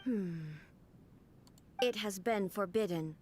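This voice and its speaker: A woman voicing a calm, emotionless female puppet ruler in a video game, speaking in a flat, mechanical, computer-like way. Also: mid-range voice, takes it slowly, faint music behind. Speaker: game character.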